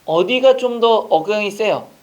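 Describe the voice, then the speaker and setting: A man teaching an online exam-prep lecture, quizzing listeners with rapid rhetorical questions and casual joking asides. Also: high-pitched, lively intonation, muffled recording.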